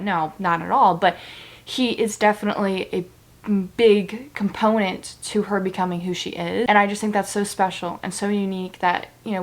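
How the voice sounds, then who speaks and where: A young woman talking excitedly about a novel she loves, full of fillers and sudden swells of feeling. Her voice sits at a middling pitch for a woman, and she speaks in a casual vlog-chat style. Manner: gushing and emotional, heavy use of "like". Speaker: book vlogger.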